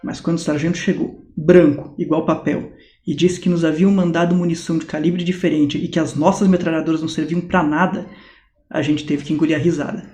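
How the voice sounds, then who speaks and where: Brisk and flat in delivery, this fairly high, darkish male voice is lightly acted by a Brazilian-accented acting student. In a mock-documentary stage scene, he portrays a wry Swiss ex-mercenary in his late thirties who recounts war stories with dry amusement. It's recorded in an echoey room.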